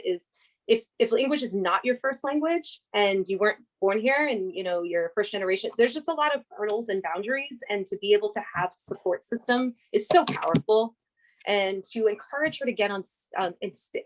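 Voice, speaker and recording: A woman's voice: mid-range voice, poor audio. A woman speaking as a guest on a podcast, enthusiastic and conversational, often repeating words and restarting. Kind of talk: conversational interview.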